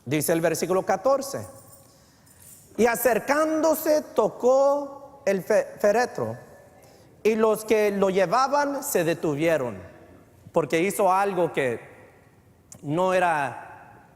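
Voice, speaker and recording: Fervent high-voiced pastor in reverberant church. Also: male voice, animated, slow pace, long pauses. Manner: mixes English phrases into Spanish; repeats words, builds to fervent emphasis. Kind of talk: bilingual church sermon. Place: church sanctuary.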